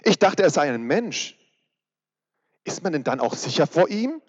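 Man doing a scared little storybook girl, anxious, pitched up a bit, echoey. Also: sing-song, measured pace, husky, full character voice. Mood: frightened. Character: frightened young girl, storybook. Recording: reverberant hall, dull sound.

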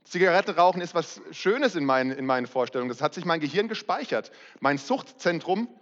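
A man's voice: a little high, animated, a little fast, fairly bright tone. Brief: middle-aged male pastor, candid, self-mocking sermon voice, muffled reverberant hall recording.

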